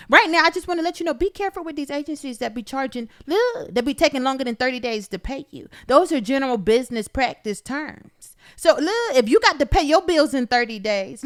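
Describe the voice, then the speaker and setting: Woman, podcast host, chatty teaching rant, high swooping voice. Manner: animated, ranting, says "look" constantly. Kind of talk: casual instructional monologue.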